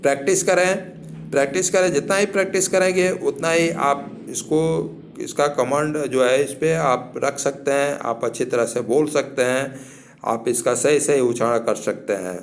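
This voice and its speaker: A man's voice: mid-range voice, moderate pace. A man teaching English in a lesson, patiently spelling words out letter by letter and repeating each rule.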